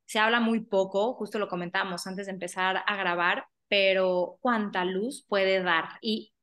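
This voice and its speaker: A woman with a Mexican accent hosting a podcast, talking informally and haltingly, with repeated words and tag questions. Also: medium pitch, fairly even intonation, a bit bright. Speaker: podcast host. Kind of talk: casual conversational podcast introduction.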